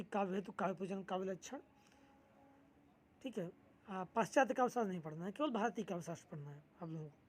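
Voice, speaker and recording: A woman's voice: mid-range voice, mellow. A young woman teaching, steadily explaining an exam syllabus with frequent fillers.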